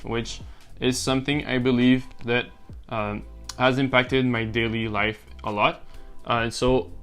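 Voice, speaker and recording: This man, a YouTuber from French-speaking Canada whose first language is French, chats casually to camera in a vlog. Speaking at medium pitch, he's relaxed and rambles with plenty of uh and um fillers.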